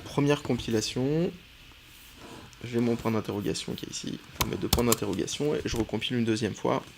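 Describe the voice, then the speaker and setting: A man from France walks through a coding lesson at his screen, thinking aloud and often pausing on "euh". His voice sits in a middle range, and audible background noise plus keyboard clicks run under the recording. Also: medium pitch, creaky. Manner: relaxed, thinking aloud while typing, frequent "euh". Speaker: teacher.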